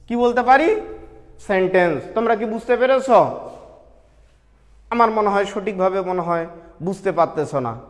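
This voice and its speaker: In a recorded online lesson, a Bangladeshi man teaches English, asking questions and answering them himself and spelling words out letter by letter. His voice sits high and echoes as if in a large hall.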